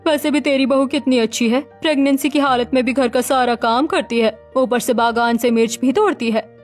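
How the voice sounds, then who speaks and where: A woman's voice: sits high, normal speed, soft background music, lightly acted. A woman voicing a gossipy middle-aged woman who complains about her daughter-in-law in a cartoon story. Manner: gossiping, chatty.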